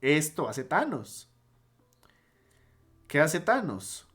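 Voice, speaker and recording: A man's voice: a little high, sing-song, very slow, a bit bright. A man teaching logic in a casual online lecture, explaining step by step and stopping to restate and correct himself.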